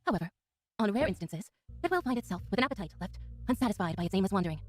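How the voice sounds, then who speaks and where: A woman's voice: medium pitch, big pitch swings, racing, darkish tone. A woman voicing a theatrical puppet character who tells a spooky tale in a haunted, eerie manner for a storybook record. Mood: dramatic, ominous.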